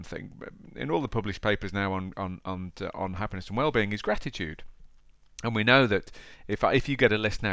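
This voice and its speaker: East midlands bloke doing a chatty motivational podcast, lowish voice, really dry close sound. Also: male voice, a bit bright, smooth, no room sound. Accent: East Midlands English. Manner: informal, conversational, addressing the listener directly. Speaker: podcast host. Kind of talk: chatty motivational talk to the listener.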